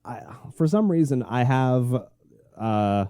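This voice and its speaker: A man with a medium-pitched, mellow voice delivers a shock jock radio host monologue as a podcast host. He is blunt and crude, swearing heavily as he rants. The sound is close and dry, with hardly any room to it. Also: lively intonation, slow, no echo.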